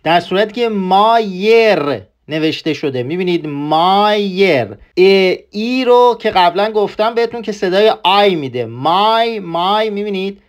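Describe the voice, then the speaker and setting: High-voiced man teaching a lesson. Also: few pauses. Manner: patient, repeats points. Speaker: German language teacher. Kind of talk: explaining a language lesson.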